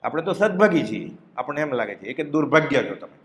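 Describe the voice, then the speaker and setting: A male teacher of spiritual texts delivers an expressive, devotional discourse in a somewhat high voice. He fires off rhetorical questions and recites verses in a chanting tone. The sound carries the reverb of an echoey room. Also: fast.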